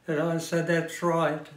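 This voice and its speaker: In an aged-care home's living room, a man in his nineties sits in an armchair and slowly reflects on his life for an interview. A retired teacher and author with an Australian accent, he speaks in a measured, halting way with frequent self-corrections, in a fairly high, completely flat voice with roomy sound.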